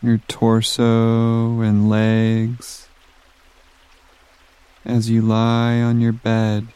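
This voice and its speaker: A man leads a guided sleep meditation, speaking very slowly with long, soothing pauses. His voice is warm and mellow, smooth and resonant, in a flat, even tone. The recording is dry and close. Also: mid-range voice, no echo.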